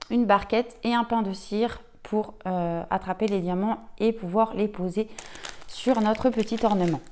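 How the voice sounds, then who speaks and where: A woman's voice: mid-range voice, a little mellow. Chatty woman unboxing crafts. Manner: chatty, enthusiastic, many fillers. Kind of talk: casual product unboxing.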